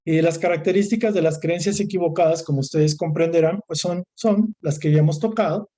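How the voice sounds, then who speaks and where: Giving a recorded course lecture, a man with a Mexican Spanish accent speaks fairly quickly in a mellow voice on the high side, with fairly even intonation. As the course instructor, he wanders discursively, repeating himself, listing things and restarting phrases.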